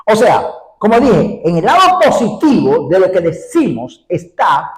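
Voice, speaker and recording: A male preacher, giving an animated sermon and acting out the dialogue. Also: high voice, a little slow, reverberant, low-quality recording. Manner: animated, acts out dialogue with shouts and laughs.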